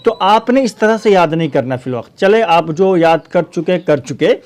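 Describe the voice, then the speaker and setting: A man's voice: high voice, lively intonation, a little mellow. A man, a Quran teacher answering viewer questions in a casual spoken lesson, explaining patiently and repeating his points.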